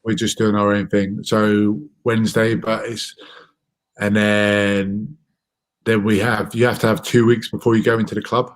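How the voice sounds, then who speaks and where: A man's voice: fairly low pitch, little pitch movement, a little slow. A man in his thirties, a rugby player, talking casually and easygoing on a video call. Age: 30s. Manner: easygoing, hedging. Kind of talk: casual watchalong chat.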